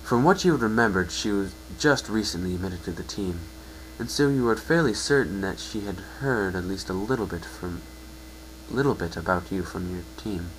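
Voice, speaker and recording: This is a rough home recording with a faint hum of a man giving a dramatic second-person story reading. His voice sits low, animated and at a moderate pace, and he sometimes stumbles and corrects himself.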